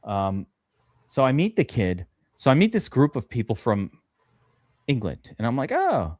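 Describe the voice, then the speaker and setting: This podcast host from the USA drafts fantasy football on a live stream, his mid-range voice swinging hugely in pitch while he keeps a measured pace. His tone is a little mellow, and his long, rambling story is full of curse words and fillers. The studio sound is clean with no echo.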